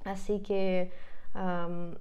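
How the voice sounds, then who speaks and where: A woman's voice: fairly low pitch, flat delivery, extremely slow, dark tone. A young Russian woman in her twenties, a native Russian speaker, vlogging casually and thinking aloud as she reads from her laptop, with many fillers and restarts. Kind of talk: casual reaction vlog. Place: home room with a piano, indoors. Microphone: clip-on lapel mic.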